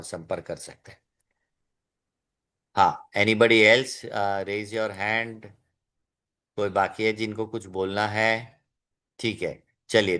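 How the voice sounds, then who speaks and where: A man teaching an online class, stretching out words slowly to show how they are pronounced and slipping in English phrases. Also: lowish voice, fairly bright tone. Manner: slow, drawn-out demonstration of pronunciation. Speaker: Sanskrit teacher.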